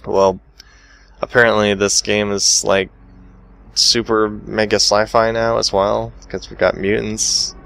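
Low gravelly-voiced man playing a game. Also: a little slow. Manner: reads game text aloud and reacts with sudden excited outbursts. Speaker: let's play host. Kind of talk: casual gameplay commentary.

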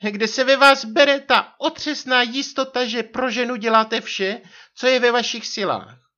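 A man reading a story and voicing an indignant, theatrical young wife in a high falsetto. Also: fairly even intonation, sharp tone, highs cut off. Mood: indignant scolding. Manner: shrill falsetto scolding.

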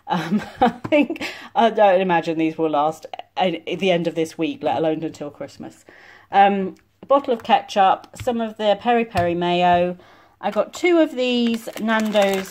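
A woman's voice: lowish voice, darkish tone. A middle-aged woman from the States chatting casually through her grocery haul in a home kitchen, rambling with lots of ums. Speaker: vlogger doing a grocery haul. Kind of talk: casual chat over products.

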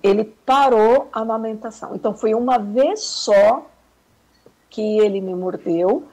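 Woman talking softly on a video call, husky and kinda dark voice, thoughtful storytelling. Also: fairly high pitch, a little slow, low-quality recording. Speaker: guest mother. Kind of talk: casual chat.

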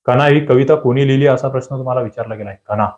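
A man giving an online exam-prep lecture, drilling grammar questions with lively, rising emphasis and questions to his students. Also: medium pitch, fast talker, highs cut off.

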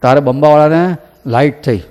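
Give me a man narrating a devotional story in a long-reverb hall, animated and folksy. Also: a little high, normal speed. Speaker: katha storyteller.

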